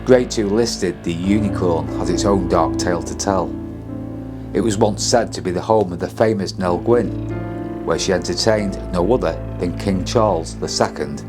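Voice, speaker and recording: A man's voice: low voice, moderate pace, music in the background. A British man hosting a paranormal investigation, narrating a script in a dramatic storytelling manner.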